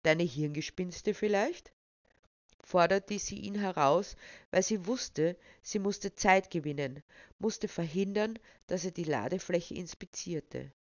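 A woman's voice: on the low side, a little slow, no room sound, highs cut off. Woman reading a children's story aloud. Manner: expressive, lively storytelling.

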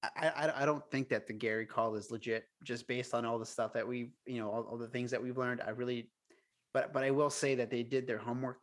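A man co-hosting a podcast in casual chat, weighing his view hesitantly and repeating words. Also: medium pitch. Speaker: podcast co-host.

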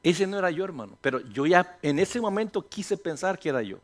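A man's voice: high-pitched, very animated, brisk. A middle-aged man, a pastor, preaching a sermon in a chatty, conversational way, acting out inner voices and joking with his congregation.

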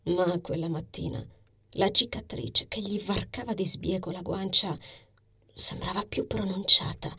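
A woman narrates a novel in a soft, hushed reading voice that now and then slips into a whisper. Her tone is husky and breathy, sitting at an ordinary pitch for a woman. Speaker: audiobook narrator. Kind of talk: scripted narration.

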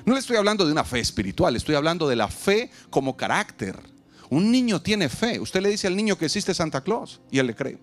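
A man, preaching an outdoor sermon as pastor, animated and humorous, acting out little dialogues and asking the crowd to repeat after him. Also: fairly high pitch, fairly quick, faint music behind. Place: outdoors in a parking lot.

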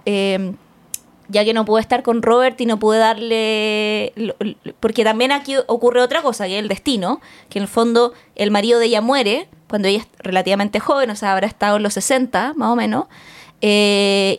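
High-voiced Chilean woman chatting casually. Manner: animated storytelling with slang and quoted voices. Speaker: podcast co-host. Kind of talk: casual chat.

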